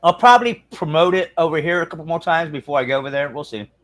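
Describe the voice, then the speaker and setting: Male streamer, casual crude banter with chat, slightly high pitch. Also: lively intonation, fast. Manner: mumbles while fiddling with screen. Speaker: livestream host.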